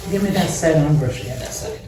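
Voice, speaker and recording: A woman's voice: low-pitched, quick pace. A woman with a Jamaican accent bantering casually in Patois mixed with English, scolding and bossy. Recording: very echoey room, distant mic, music behind.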